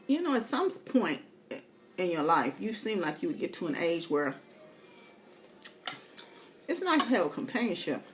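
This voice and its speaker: A woman's voice: lowish voice, very animated, normal speed, pauses often, slight background noise. A middle-aged woman eating as she talks, telling candid, colloquial stories in a casual mukbang chat. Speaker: mukbang vlogger.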